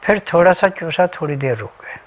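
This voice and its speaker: A man's voice: a little high, lively intonation, brisk. A man giving an instructional health talk as a remedy advisor, methodically listing ingredients and diet rules step by step.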